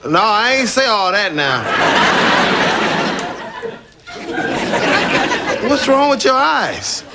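An exasperated, wisecracking sitcom character. His pitch is extremely high for a man and he sounds flustered and sarcastic, over a loud studio audience. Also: very animated, normal speed, over a noisy crowd, heavy background noise. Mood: uneasy. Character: exasperated, wisecracking young sitcom man dodging unwanted advances. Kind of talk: broad sitcom acting.

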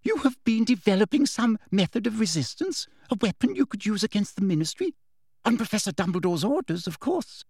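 A man's voice: fairly high pitch, huge pitch swings, unhurried, darkish tone, slightly rough, dry recording, studio quality, pitched above the performer's own voice, exaggerated voice. A man voicing a domineering, greedy older woman official with an imperious, eager way of questioning. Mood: greedy, excited. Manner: imperious, harsh, eager interrogation.

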